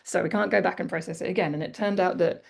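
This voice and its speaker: A woman's voice: lowish voice, fairly even intonation, fast talker, creaky. A woman with an Australian accent giving a conference talk, then chatting candidly with many casual fillers. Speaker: conference speaker.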